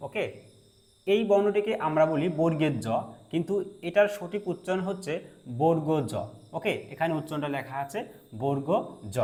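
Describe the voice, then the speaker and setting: A man's voice: high-pitched, darkish tone. A male teacher leads a pronunciation lesson in a slightly raised voice. He takes his time, repeats each sound twice, and keeps checking that his listeners follow. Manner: explains slowly, repeating each sound carefully; asks "ঠিক আছে?" to check listeners.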